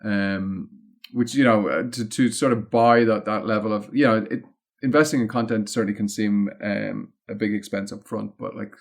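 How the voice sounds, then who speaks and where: An Irish content marketing consultant appears as a podcast guest, talking casually and discursively as he thinks aloud. His voice sits on the low side with fairly even intonation, vocal fry, and a normal speaking speed.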